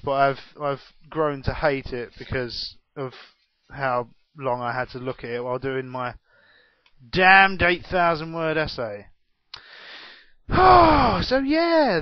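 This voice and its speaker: On a dry, dull home recording, a twenty-something English gaming YouTuber with a mid-range voice and a well-spoken southern accent answers vlog Q&A questions casually. He pokes fun at himself and laughs a lot.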